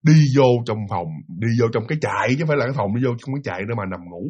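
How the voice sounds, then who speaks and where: Male storyteller, Southern Vietnamese accent, brisk and slightly breathy, lively and chatty. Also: medium pitch, lo-fi sound. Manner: lively, animated, addresses listeners directly. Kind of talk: casual ghost story telling.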